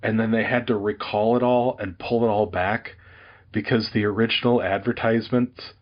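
A man chatting casually about a movie with friends, measured and wry, with small restarts. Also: lowish voice, steady tone, dull audio. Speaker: podcast co-host. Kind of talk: casual movie-review chat.

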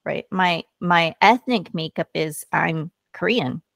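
A woman's voice: lowish voice, takes it slowly, creaky, fairly bright tone, dry recording, clean studio sound. An American woman in her forties, a podcast guest, telling her story earnestly and often checking in with "right?". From United States. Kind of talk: casual interview talk.

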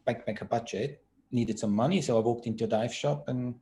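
A man, a podcast guest telling his story in a measured way over a video call. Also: mid-range voice, warm tone, a little hiss or hum. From Switzerland. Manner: measured, unhurried storytelling with hesitant fillers. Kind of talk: casual interview chat.

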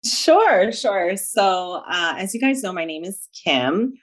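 A woman's voice: medium pitch, lively intonation, takes it slowly. A woman with a slight Jamaican accent, chatting informally as an interview guest and telling her own story with plenty of "like" and "you know". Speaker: guest, dietitian and diabetes educator. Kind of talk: conversational interview answers, personal storytelling.

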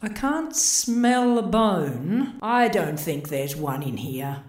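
A man voicing a gentle dog who speaks softly and breathily. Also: high voice, big pitch swings, takes it slowly, reverberant, recorded from a distance, voice pushed up, exaggerated voice. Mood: hushed.

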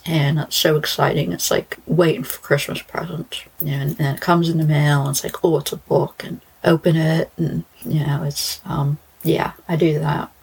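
Woman with a low husky voice, kinda rambling, just chatting casually on her podcast. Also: poor audio. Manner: rambling, informal. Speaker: true crime podcast host.

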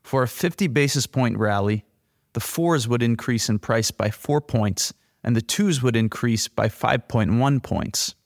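Male finance podcast host, medium pitch, scripted read, dry recording. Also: measured pace, creaky, no room sound.

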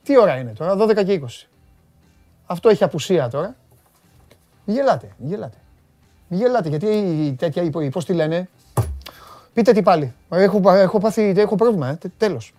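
A man's voice: high voice, pauses often, no echo. A man hosts a sports talk show, reading out viewer comments and trading jokes with his crew. His voice is dry and close, and faint music plays underneath. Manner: joking, animated, banters with studio crew.

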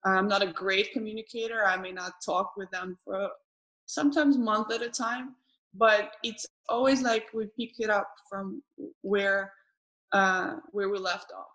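Halting woman tennis player chatting. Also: mid-range voice, fairly even intonation, a bit bright, rough recording. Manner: halting, with frequent restarts and repeated words. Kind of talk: casual conversation.

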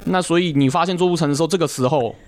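A man's voice: fairly high pitch, rapid-fire. A man chatting casually on a podcast, giving persuasive advice and often asking "right?" to win agreement.

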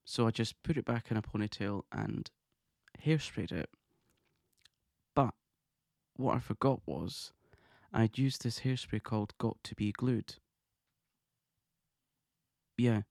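Guy chatting on his podcast, lowish voice, gets excited a lot, dead dry mic. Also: takes it slowly, gravelly, pauses often, no echo. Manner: chatty and excitable, laughs often. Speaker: podcast host. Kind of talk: casual monologue podcast.

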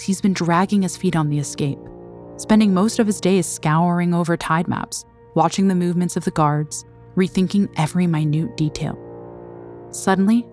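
A woman giving scripted documentary narration, recorded as a studio voice-over, in a measured, dramatic storytelling manner. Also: on the low side, darkish tone.

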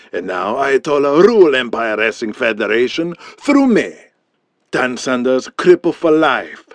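Arrogant audio-drama wrestling villain, broken-English boasts, swinging pitch. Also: male voice, no room sound. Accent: put-on Middle Eastern. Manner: broken English, bombastic ranting.

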